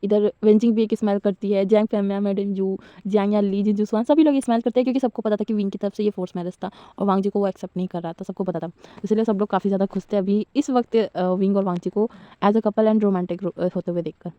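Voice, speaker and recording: A woman's voice: mid-range voice, fairly even intonation, fast talker, mellow, dry recording. A woman casually retelling a fan fiction story in a chatty, giggly way with loose fillers. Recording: slightly dull lo-fi recording.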